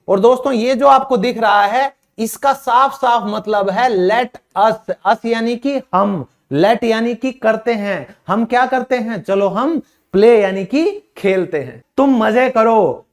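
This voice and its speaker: High-voiced man teaching slowly. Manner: repeats each phrase slowly, Hindi then English. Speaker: English teacher. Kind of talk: spoken English lesson.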